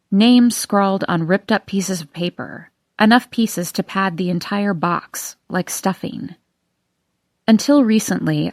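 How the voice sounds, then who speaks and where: A woman narrating a first-person audiobook in a slow, measured, subdued reading. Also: lowish voice, creaky, no room sound, clean studio sound.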